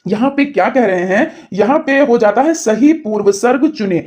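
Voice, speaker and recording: Male tutor with a high voice, exam-prep lesson, reads questions slowly, explains quickly in Hindi. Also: animated, darkish tone. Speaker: teacher.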